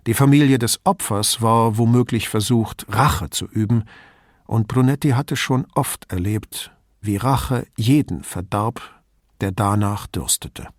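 A man's voice: lowish voice, measured pace, no echo. Man narrating an audiobook, dry recording.

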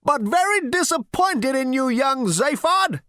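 A man voicing a tiny, ancient, irritable alien great-grandfather in a screechy, rasping storybook voice, scolding and scornful. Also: very high voice, very animated, bright, forceful tone, no echo, studio quality, pitched above the performer's own voice, heavily acted. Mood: disdainful. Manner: snapping, scolding, drawn-out emphasis.

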